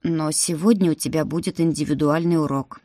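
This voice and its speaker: A woman reading the part of an arrogant ice dragon prince who serves as a stern academy dean, in a slow, low, growling voice for an audiobook. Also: fairly even intonation, dark tone, no echo, studio quality.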